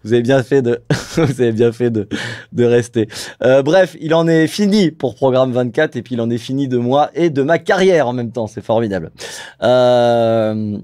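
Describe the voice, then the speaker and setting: A man's voice: mid-range voice, normal speed, a little mellow. A man hosting a live stream, chatting casually about music production and his own impressions, rambling and self-mocking.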